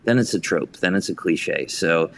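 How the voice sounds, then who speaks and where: In a low, gravelly voice at a normal pace, an American man who writes and directs theater talks reflectively about his creative work as a podcast guest. There is slight background noise.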